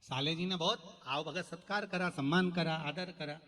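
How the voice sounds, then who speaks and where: A man giving a devotional sermon, telling a comic village parable and acting out its characters, swinging between loud and soft. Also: on the high side, normal speed. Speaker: katha preacher. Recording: long hall reverb.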